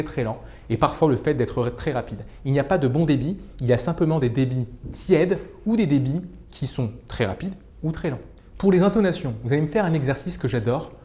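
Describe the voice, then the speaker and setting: A middle-aged man teaching public speaking in a video lesson, demonstrating exercises with expressive shifts in pace and volume. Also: medium pitch.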